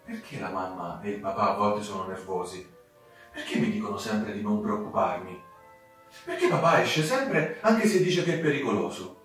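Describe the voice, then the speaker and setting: A man's voice: lowish voice, lively intonation, moderate pace. A man voicing a young, curious and anxious male wolf cub who asks eager, pleading questions, in a storybook. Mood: puzzled. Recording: very echoey room, distant mic, soft music.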